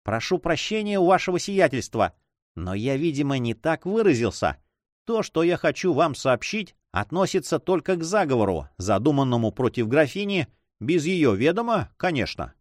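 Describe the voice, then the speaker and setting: A slightly high male voice, very animated at a moderate pace, comes through in a dry studio-quality recording. Reading an audiobook, he voices a cold, calculating spy greedy for gold, coolly polite and deferential.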